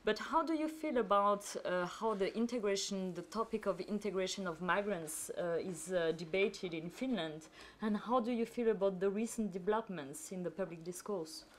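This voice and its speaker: A woman moderates a conference panel, introducing a speaker and asking a long question. She hesitates often, circles back over her words, and keeps her pitch in a middling range, with a faint hum of the room underneath. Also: moderate pace, hardly any pauses. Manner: hesitant, frequent fillers, rambling questions. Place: conference hall.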